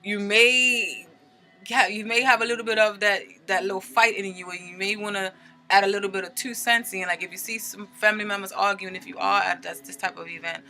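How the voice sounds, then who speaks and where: Tarot-reader woman, casual and chatty, bright, with soft music underneath. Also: mid-range voice, fast, creaky. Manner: chatty, animated, with filler words and frequent "okay?" check-ins.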